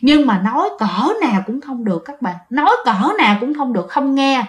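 Woman, Southern Vietnamese accent, ghost-story storyteller, chatty, talks straight to listeners, fairly high-pitched. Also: lively intonation, a little fast. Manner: chatty, addresses listeners directly. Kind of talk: spoken ghost-story narration.

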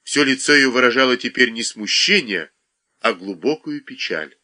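A man narrating an audiobook in an expressive, even reading voice. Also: mid-range voice, normal speed. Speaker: audiobook reader. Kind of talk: scripted narration.

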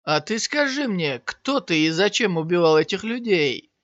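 A man's voice: high voice, moderate pace, no echo. Shi Yan, a man doing a cold ruthless young hero. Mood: icy. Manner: cold, flat, contemptuous. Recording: slightly dull, dry lo-fi sound.

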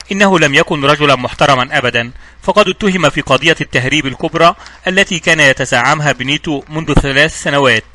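A man voicing a calm, respectful police inspector reporting to his chief in an audiobook. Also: a little high. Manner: calm and deferential.

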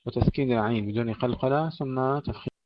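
A man teaching Quran recitation, moving between slow melodic recitation and brisk spoken explanation of pronunciation. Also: medium pitch, no room sound, lo-fi sound.

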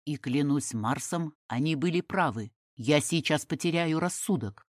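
Woman voicing a young Roman hothead, shouting oaths, loud, demanding, low voice. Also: expressive, moderate pace, dry recording, studio quality. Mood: furious. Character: hot-headed young Roman man, quick to rage. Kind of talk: audiobook character reading.

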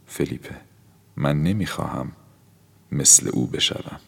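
A man voicing a timid, evasive young woman who speaks softly, almost in a whisper, in an audiobook. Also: very deep voice, creaky, slightly rough, heavily acted. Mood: pleading. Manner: soft, hushed, near-whispered lines. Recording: long hall-like reverb.

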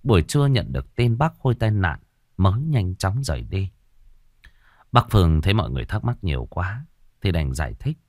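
A man narrating a ghost story with expressive delivery. His very low voice moves in a lively way. The recording is dry and close. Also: brisk, no room sound.

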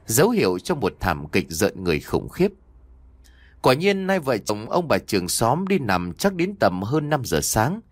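A man's voice: fairly low pitch, no room sound. A man narrating a scripted horror story in a dramatic, ominous storytelling manner.

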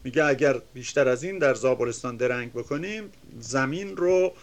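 An older man giving a lecture, reciting classical verse slowly and with emphasis, then explaining each line in plain conversational speech. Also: medium pitch.

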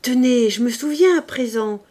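A woman's voice: on the high side, normal speed, mellow, lightly acted. A woman reading the lines of a poor, timid old gardener in a storybook reading, hesitant and wondering. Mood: eager.

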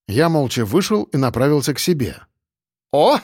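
A man narrating an audiobook in the first person, calm and wry. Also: mid-range voice, moderate pace, no echo, studio quality.

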